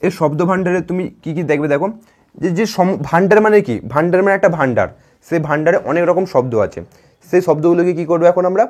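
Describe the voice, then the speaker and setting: A quick-speaking man gives a grammar class to young pupils. His voice sits a little high, and he keeps repeating key terms and checking "all right?" as he goes. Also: darkish tone. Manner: repetitive, checks in with "ঠিক আছে?" often. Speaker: teacher. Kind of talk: classroom grammar lesson to children.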